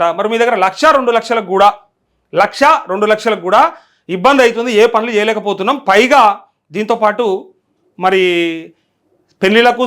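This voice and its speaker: A man's voice: sits high, a bit bright. A man with a Telangana accent reading and commenting on news as a live host, in a challenging, questioning manner. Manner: challenging, rhetorical questioning of viewers. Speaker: journalist hosting a live call show.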